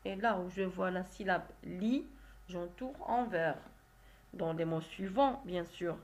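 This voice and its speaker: A woman teacher going slowly through reading exercises with young pupils, carefully sounding out syllables and letters. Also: fairly low pitch. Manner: slow, careful, spells out syllables. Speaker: primary school teacher. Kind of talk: reading lesson, exercise correction.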